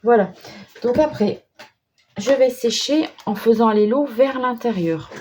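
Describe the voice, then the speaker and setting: A woman's voice: a little high, measured pace, darkish tone, slight background noise. A woman chatting casually as she works on an art journal page, thinking aloud with hesitations and small self-mocking remarks. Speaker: craft vlogger. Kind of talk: casual crafting commentary.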